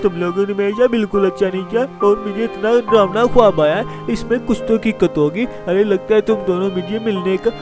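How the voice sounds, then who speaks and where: A man's voice: sits high, a little fast, hardly any pauses, music in the background, natural voice. A man voicing a small mischievous boy in a fan game role-play, whiny and given to panicky cries. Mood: sulky.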